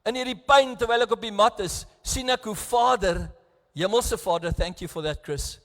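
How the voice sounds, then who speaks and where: A South African man preaching a sermon as pastor, earnest and close to tears, his delivery swinging between hushed and raised. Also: high voice, moderate pace. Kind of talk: bilingual sermon. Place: church. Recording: echoey church hall.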